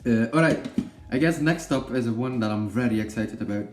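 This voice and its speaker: Chatting briskly at a medium pitch, a young Dutch-speaking film vlogger from Belgium jokes his way through a loose talk about movies, correcting himself and filling gaps with "um"s and restarts. The sound is roomy, with gentle music playing behind him.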